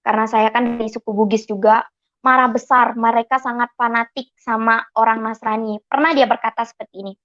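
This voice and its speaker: A woman tells her conversion testimony in a fairly high voice. She is an animated storyteller who acts out bits of remembered dialogue. The recording sounds dull and lo-fi. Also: fairly quick. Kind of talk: personal testimony.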